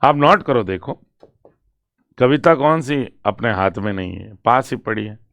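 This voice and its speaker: Male literature tutor, clear, crisp voice, dry close sound, slow and deliberate, quizzing students as he writes on the board. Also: medium pitch, animated, a bit bright, no room sound. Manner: reads English lines slowly and emphatically, then explains in Hindi; asks students check questions, writes on a board. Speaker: English literature teacher. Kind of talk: exam-prep poetry lecture mixing Hindi and English.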